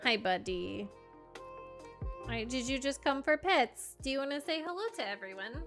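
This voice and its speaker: A woman's voice: sits high, expressive, moderate pace, over music. A young woman streaming from home at a desk mic, chatting casually, laughing often and cooing praise at her dog. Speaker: live streamer.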